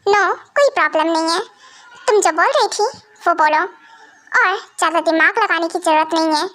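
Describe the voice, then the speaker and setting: A woman's voice: very high-pitched, normal speed, a bit bright. A girl doing a cold bossy mafia husband. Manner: curt, commanding, dismissive. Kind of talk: amateur fan dub.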